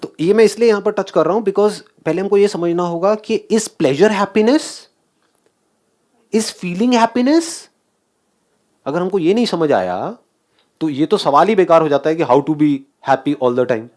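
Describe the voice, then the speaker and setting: Man, motivational speaker, animated, high-ish lively voice, keeps quizzing the room. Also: normal speed. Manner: animated, questions the audience often. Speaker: speaker addressing an audience. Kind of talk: motivational talk.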